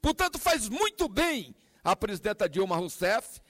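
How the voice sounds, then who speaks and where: A man's voice: sits high, very animated, normal speed, fairly bright tone. A man with a Brazilian accent giving a formal parliamentary speech as a legislator, in an emphatic, oratorical manner.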